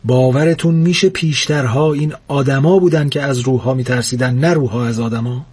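A man voicing a curious, boastful young ghost who sets out to frighten people, in a slightly raised husky voice. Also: medium pitch, a little mellow, natural voice. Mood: eager. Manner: eager, boasting, quick to panic.

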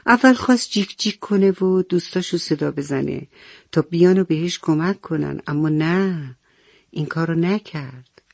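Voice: mid-range voice, gravelly, a little mellow, no room sound. A storyteller narrating a children's story, speaking directly to the young listeners and asking them questions.

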